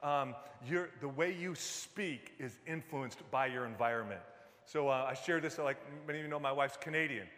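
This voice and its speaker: In a church sanctuary whose large-hall reverb lingers long, a Detroit pastor in his fifties delivers a sermon at normal speed with a mid-range, fairly bright voice. He speaks casually, stumbling over fillers and restarts and trading jokes with the congregation.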